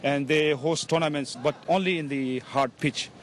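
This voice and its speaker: A man from Hong Kong talks about his football club, hesitating often and restarting his sentences. He is recorded outdoors at a pitch, with faint city and traffic sounds behind him. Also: steady tone. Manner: halting, many fillers and restarts. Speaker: football club team manager. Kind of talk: casual interview.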